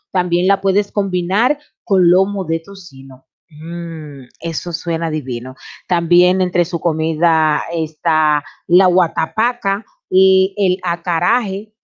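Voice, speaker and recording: A woman co-host reads out facts about countries in an informative way. Her voice sits at a middle pitch. The recording is dry and a little dull. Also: dry recording. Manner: informative, laughs easily. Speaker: radio co-host.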